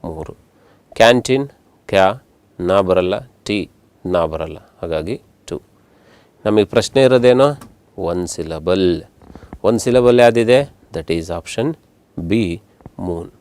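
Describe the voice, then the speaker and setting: A male English grammar teacher with a Kannada accent, patiently explaining syllables in a slow lesson, repeating words and counting them out loud. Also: sits low. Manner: mixes Kannada with English terms.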